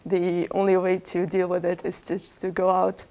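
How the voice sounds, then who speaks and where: A woman's voice: fairly low pitch, monotone, moderate pace, dark tone. A young woman from Lebanon, a PhD student talking in a friendly, encouraging way in a casual roundtable discussion.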